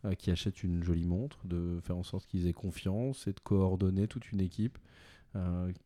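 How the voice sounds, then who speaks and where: A man speaks as an interview guest in a fairly low, warm and mellow voice. He hesitates often, restarting his sentences, and laughs easily. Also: steady tone, moderate pace. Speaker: executive director of a watch brand, guest. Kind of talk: podcast interview answers.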